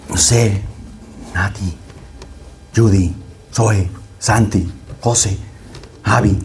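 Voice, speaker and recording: Male pastor, deep and mellow, chatty sermon, faint hiss behind. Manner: conversational, often asks "¿no?" to the congregation; restarts and repeats words while thinking aloud.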